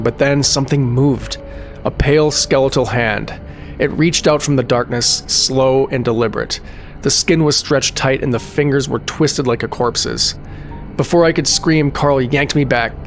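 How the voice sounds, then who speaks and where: Male horror story narrator over music. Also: mid-range voice. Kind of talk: scripted first-person horror story narration. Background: music behind the voice.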